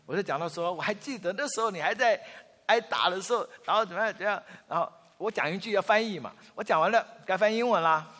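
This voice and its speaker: A man in his fifties giving a sermon, telling family anecdotes in an animated way and acting out the quotes. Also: high-pitched, quick pace. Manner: storytelling, animated, acts out quotes. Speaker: pastor. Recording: long reverb of a large hall.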